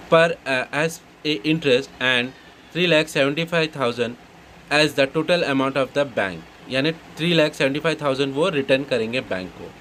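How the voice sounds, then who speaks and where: A man with an Indian accent teaching maths. He reads each question slowly and explains it step by step, mixing Hindi and English. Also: fairly high pitch, a bit bright, slight background noise, rough recording. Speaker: maths tutor. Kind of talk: explaining solved maths sums.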